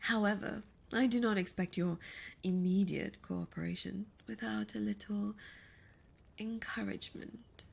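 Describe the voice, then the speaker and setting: With a steady, unhurried, mid-range voice and an exaggerated delivery, a woman performs a seductive demon succubus in ASMR roleplay. She is breathy and imperious, often whispering formal, teasing, menacing words in a longing, commanding mood.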